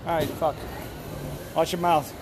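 A man with a squeaky, strained voice that is giving out, chatting enthusiastically and casually with lots of swearing as he records a podcast. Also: steady tone, unhurried. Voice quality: strained, squeaky voice, losing it from yelling. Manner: enthusiastic, opinionated. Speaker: podcast host. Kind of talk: casual, sweary amusement park podcast chat. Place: outdoor theme park, on exit stairs and in queues. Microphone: handheld phone. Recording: busy outdoor crowd and ride noise.

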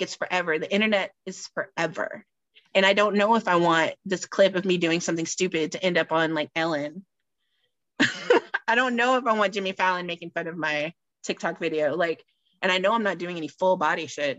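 A woman chatting casually on a podcast, telling stories in an animated way and laughing often. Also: lowish voice, dry recording, dull audio.

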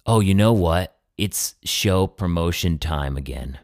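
A man's voice: deep voice, animated, unhurried, darkish tone, dry recording, clean studio sound. A male singer-songwriter talking in a casual solo monologue, easygoing and chatty. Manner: easygoing, chatty self-promotion.

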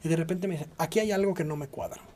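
Mellow-voiced Mexican man telling a story. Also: fast. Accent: Mexican Spanish. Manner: animated, swears freely, acts out quoted dialogue with sudden high-pitched outbursts. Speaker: guest telling a personal story. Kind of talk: casual conversational storytelling.

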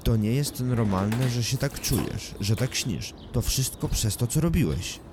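A man's voice: medium pitch, expressive, measured pace, noisy background, voice pushed up, lightly acted. A man voicing a worried young wife in an audiobook, insistent and reproachful toward her husband.

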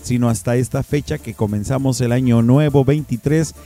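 A man's voice: mid-range voice, steady tone, moderate pace, mellow, faint music behind. A man with a Mexican accent hosting a radio show in a casual, slangy, jokey way. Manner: slangy, jokey, often laughing. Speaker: radio host.

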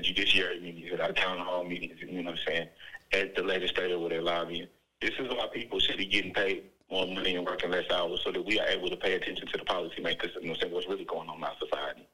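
A man's voice: sits low, sharp tone, slightly rough, rough recording. A man calling in from a prison phone, speaking fervently and often saying "you know what I'm saying". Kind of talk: impassioned phone call. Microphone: prison phone line.

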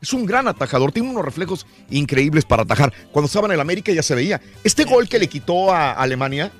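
A man's voice: a little high, big pitch swings, quick pace, faint music behind. A man hosting a casual sports radio show, chatting and greeting listeners.

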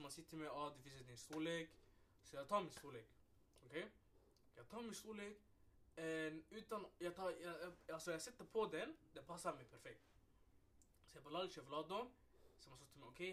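A young man co-hosting a podcast, chatting casually and telling an animated story full of street slang and swearing. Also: a little high. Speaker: podcast co-host. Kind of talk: casual chat. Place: podcast recording room.

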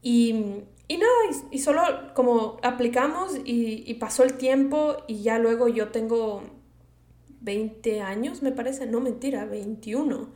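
A woman's voice: fairly high pitch, measured pace, darkish tone. Chatty Ecuadorian woman in an echoey room. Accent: Ecuadorian Spanish. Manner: chatty, rambling, mixes in English words. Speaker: podcast host. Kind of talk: casual personal podcast monologue.

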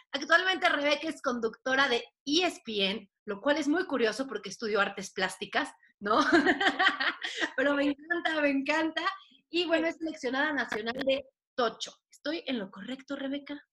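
Bright, bubbly woman host. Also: high-pitched. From Mexico. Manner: bubbly, giggly, repeats herself. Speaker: podcast host. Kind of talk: casual podcast chat.

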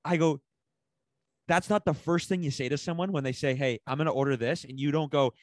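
A man co-hosting a casual podcast, telling a rambling, animated story full of slang and swearing. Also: a little high, fairly quick, no echo. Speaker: podcast co-host.

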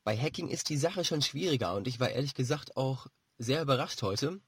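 A man giving football analysis as a pundit, measured and explanatory, feeling his way through phrases. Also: mid-range voice, animated, slight background noise. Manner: measured, explanatory, hesitant phrasing with repeated words.

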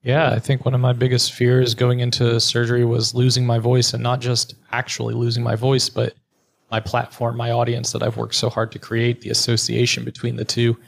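A middle-aged man, a therapist and entrepreneur appearing as a podcast guest, talks frankly and bluntly in a conversational interview, swearing now and then. His medium-pitched voice is completely flat in delivery, fairly quick, and shows vocal fry.

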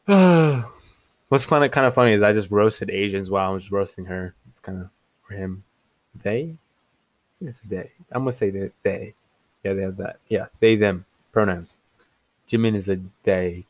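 A young man giving casual reaction commentary, excitable and mocking, often laughing and jumping up in pitch in disbelief. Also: normal speed, dry recording. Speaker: online commentator.

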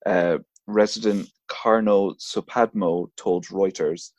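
A man's voice: sits low, fairly even intonation, slow pace, a little mellow, dry recording. A man co-hosting a podcast, telling a story in casual chat and laughing often as he talks. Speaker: podcast co-host.

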